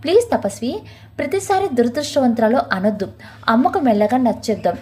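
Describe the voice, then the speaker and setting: A woman's voice: fairly high pitch, expressive, fairly quick, warm tone, natural voice. A woman voicing a protective husband who pleads and soothes. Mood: soothing. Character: gentle husband, soft-spoken, protective of wife.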